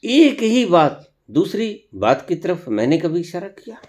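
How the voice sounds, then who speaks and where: Guru guy giving a slow spiritual talk, lots of pauses, pitch rising and falling a lot, scolds with questions. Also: sing-song, a little mellow. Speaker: spiritual teacher. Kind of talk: spiritual discourse.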